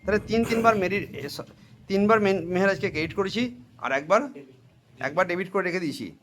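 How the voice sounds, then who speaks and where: A man with a high voice, speaking a little fast against background noise, teaches accounting to a class. He questions students and has them repeat answers, mixing English and Hindi phrases in a call-and-response lecture.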